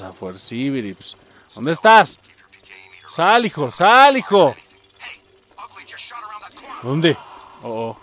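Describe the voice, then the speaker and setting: A young adult man with a Mexican accent giving excitable gameplay commentary, swearing and yelping as he plays. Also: mid-range voice. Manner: excitable, swearing, yelps and shouts. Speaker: gaming youtuber.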